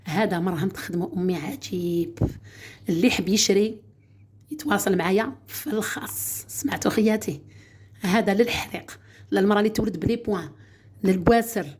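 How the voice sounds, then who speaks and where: A woman's voice: medium pitch, a little fast, a little mellow, slightly rough. A woman with an Algerian Arabic accent, demonstrating a home remedy in a chatty, casual way and often addressing her viewers as sisters.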